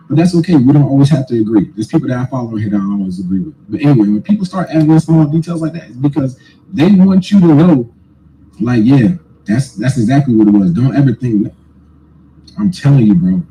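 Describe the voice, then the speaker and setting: A man's voice: medium pitch, dark tone, low-quality recording. A man giving casual commentary straight to viewers, slangy and emphatic, swearing and repeating his points. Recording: faint background noise.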